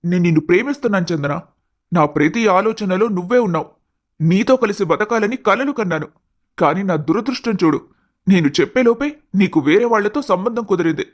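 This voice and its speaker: An earnest, lovestruck young man in a cartoon story, pleading and heartfelt. His voice sits noticeably high for a man. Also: expressive, a little fast. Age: young adult.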